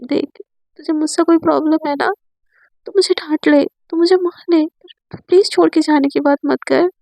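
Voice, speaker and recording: A woman voicing a young woman who pleads softly and tearfully with her lover. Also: high voice, steady tone, moderate pace, creaky, no echo, low-quality recording. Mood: pleading.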